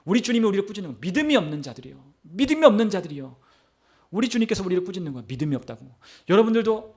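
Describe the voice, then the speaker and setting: A man preaching a Sunday sermon as pastor, asking the congregation questions and acting out the voices of Bible characters. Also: high voice. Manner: animated preaching, acts out Bible characters' lines; asks the congregation questions and answers them.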